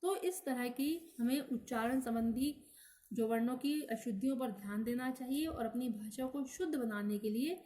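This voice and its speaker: A woman teaching a grammar lesson, who talks slowly and deliberately, asks the class questions and then answers them herself. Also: fairly high pitch, dark tone.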